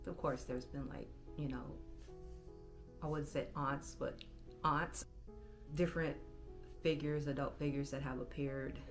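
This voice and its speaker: A woman in her thirties, hosting her own channel, talks reflectively from her bedroom in a halting, self-correcting way. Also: sits low, fairly even intonation, soft background music. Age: 30s. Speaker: channel host. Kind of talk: personal vlog monologue.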